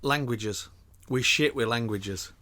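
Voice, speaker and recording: A man's voice: medium pitch, slow, sharp tone. A man from England co-hosting a podcast, chatting casually and dropping dry, wry remarks. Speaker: podcast co-host. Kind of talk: casual chat.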